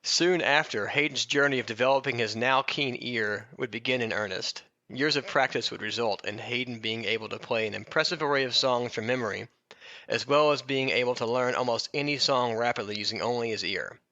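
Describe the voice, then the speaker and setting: A podcast host with a medium-pitched, bright, forceful voice reads a comic biography aloud at a brisk clip. He throws in casual, jokey asides and often breaks into laughter mid-sentence. The recording is dry, with no room sound, and the highs are cut off.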